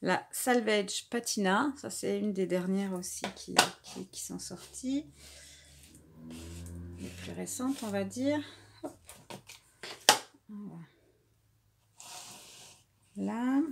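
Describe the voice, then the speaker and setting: A woman in a casual home vlog, talking in a middle-pitched, everyday voice as she shows off craft supplies one by one. She is from France and speaks in a relaxed, hesitant way, stopping often and restarting her sentences. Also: takes it slowly, vocal fry, pauses often, very noisy. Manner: hesitant, many filler sounds and restarts. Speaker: craft vlogger. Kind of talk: casual haul presentation.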